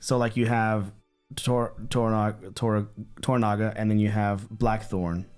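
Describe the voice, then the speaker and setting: A man's voice: lowish voice, little pitch movement, measured pace, darkish tone, clear, resonant tone. Man musing casually over faint music. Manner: thinking aloud, rambling with many "like"s and restarts. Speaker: co-host of a couple reaction channel. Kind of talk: casual chat.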